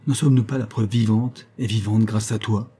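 A resolute exiled father gives orders in a firm, commanding tone, read by a man close to his own voice. The voice is low and mellow, with a husky edge. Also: steady tone, normal speed.

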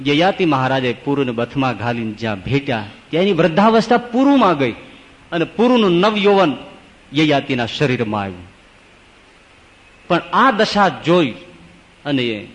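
A man, a swami, telling a scripture story in a devotional sermon, acting out each character in turn. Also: mid-range voice. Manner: acts out story characters in changing voices. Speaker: swami giving a scripture discourse. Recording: long hall reverb.

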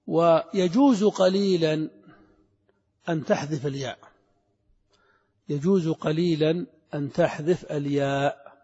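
A man's voice: fairly high pitch, unhurried, pauses often, mellow, breathy edge. A man teaching a grammar class, asking his students questions and repeating the key words. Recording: lo-fi recording with long hall echo.

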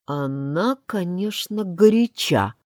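A woman's voice: mid-range voice, huge pitch swings, takes it slowly, a little mellow, no echo, exaggerated voice. A woman voicing a pompous, fussy king in a storybook reading, in a dry recording. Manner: fussy, triumphant, self-satisfied. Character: blustering pompous male king.

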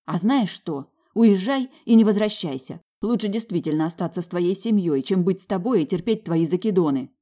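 A reader voicing an indignant young mother, sharp and argumentative in audiobook dialogue. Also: medium pitch, brisk, few pauses, pitched above the performer's own voice, lightly acted.

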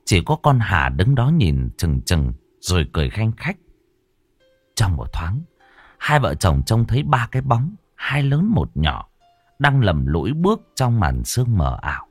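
A man narrating a horror story in a slow, dramatic, ominous manner. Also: lowish voice, huge pitch swings, husky, no room sound, soft background music.

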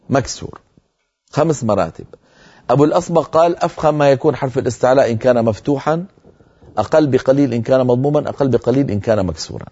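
Mellow-voiced man teaching recitation. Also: mid-range voice, dull audio. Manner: explanatory, slowly drawing out example words. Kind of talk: classroom lecture on recitation rules.

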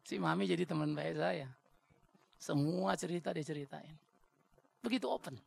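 Gravelly high-voiced Batak pastor preaching. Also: male voice, moderate pace. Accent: Batak Indonesian. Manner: blunt, joking, animated preacher. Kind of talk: sermon.

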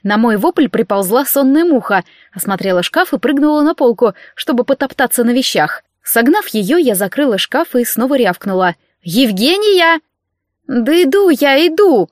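A woman narrating a novel in first person with lively, wry storytelling. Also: on the high side, moderate pace, hardly any pauses, no echo, clean studio sound. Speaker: audiobook narrator.

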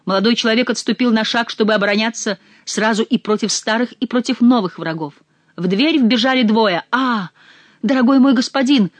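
A woman's voice: on the high side, fairly quick, no echo. Woman narrating an audiobook. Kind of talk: scripted narration.

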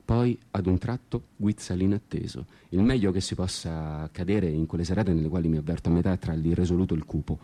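Speaking fairly quickly with hardly any pauses, a man with a low, mellow voice performs a dramatic literary monologue over guitar. He plays the radio theatre storyteller with ironic, brooding theatricality.

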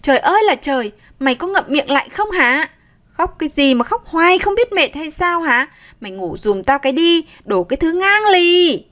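A woman voicing a short-tempered young mother who yells and scolds. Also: fairly high pitch, animated, normal speed, lightly acted. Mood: furious. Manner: yelling, scolding.

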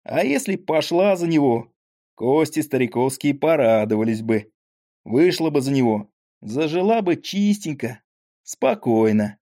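Guy reading as a weak old dad, rambling and grumbly, mellow darkish tone, audiobook. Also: on the high side, animated, a little slow. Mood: weak, tender. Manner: rambling folksy speech. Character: frail old dying father, talkative, grumbling.

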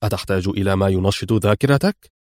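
A man's voice: low voice, fast, darkish tone, no echo, studio quality, voice pushed down, close to an everyday voice. A man voicing a fearless male hero agent who speaks in stern, clipped commands.

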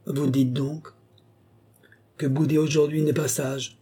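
Haughty noble countess, a man reading her, husky and dark-toned, audiobook. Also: on the high side, little pitch movement, slow, pitched above the performer's own voice, full character voice. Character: proud, quick-tempered noble countess. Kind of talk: audiobook character voice.

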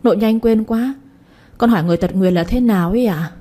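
A woman voicing an innocent little schoolgirl who pleads quickly and loves her mother fiercely. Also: mid-range voice, warm tone, natural voice.

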